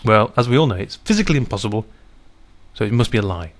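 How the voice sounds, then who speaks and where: A man hosting a comic village radio show as its DJ, talking in a halting, stumbling, mock-serious way with many restarts. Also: fairly low pitch, expressive, a little hiss or hum. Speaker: radio DJ and host. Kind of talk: improvised comedy radio banter. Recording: music playing underneath.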